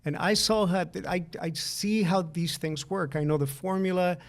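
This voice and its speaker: A man's voice: high-pitched, steady tone, moderate pace, creaky. A middle-aged man from Chile co-hosting a podcast, talking earnestly and often checking in with "right?". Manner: earnest, repeats words when starting, asks "right?" often. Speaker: podcast co-host. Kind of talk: casual podcast conversation.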